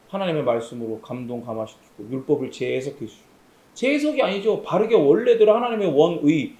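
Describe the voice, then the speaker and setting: A man's voice: on the high side, echoey room. A man preaching a sermon at a camp, questioning his listeners and calling on them by name. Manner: animated preaching, asks the audience questions and calls on listeners. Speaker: pastor. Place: camp meeting room.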